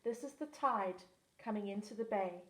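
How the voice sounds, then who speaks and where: In an echoey room, a teaching assistant reads a rhyming storybook aloud in a lilting rhythm. She has a mid-range voice and keeps a moderate pace.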